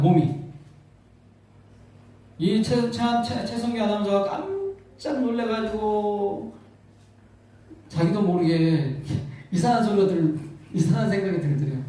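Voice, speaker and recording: A male pastor giving a sermon, telling a story with rising emotion, repeating words and swelling loud on key lines. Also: sits high. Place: church sanctuary. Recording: echoey church hall from far off.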